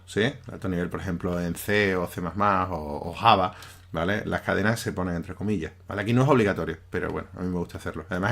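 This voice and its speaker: A man's voice: on the low side, a bit bright. A man giving a recorded programming lesson over his screen, talking conversationally and often checking in with his listeners. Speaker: teacher.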